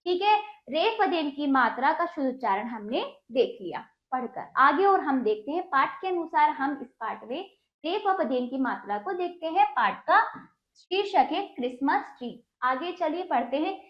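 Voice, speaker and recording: Patient woman teacher with a high voice, on a muffled lo-fi recording. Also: big pitch swings, moderate pace, reverberant. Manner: patient, asks pupils questions and answers them. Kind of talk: children's Hindi lesson.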